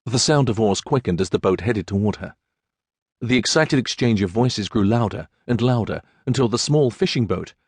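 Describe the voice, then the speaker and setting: A man reading a historical romance audiobook in a measured, dramatic storytelling manner. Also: fairly low pitch, a little mellow, slightly rough, no echo, clean studio sound. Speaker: audiobook narrator. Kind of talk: scripted narration.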